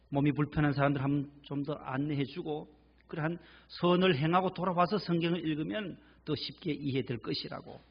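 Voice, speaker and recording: A man's voice: fairly high pitch, vocal fry, slightly rough, muffled recording. A male pastor delivering a church sermon with emphatic preaching, repeating key words for stress. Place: church sanctuary.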